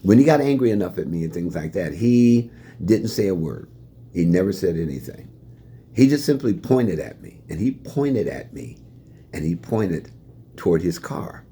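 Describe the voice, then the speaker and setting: The voice is low-pitched and a bit rough, moving at normal speed. It belongs to an older Fort Wayne, Indiana man retiring from his staff post, who recounts life lessons in lively stories and chuckles as he responds to questions.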